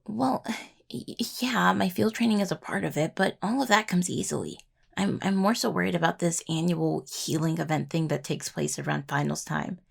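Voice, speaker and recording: A young adult woman, in character as a nervous but sweet healing student of necromancy for intimate roleplay audio, is stressed and venting. It's a full character voice, gravelly and creaky, on the low side, at a moderate pace, hesitant and rambling in a casual way.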